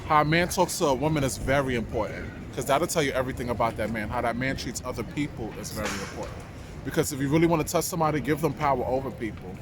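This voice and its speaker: Male interviewee, New York accent, casual and reflective, mid-pitched voice, recorded outdoors with clear city noise. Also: fast. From New York, United States. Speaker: interviewee, dancer and actor.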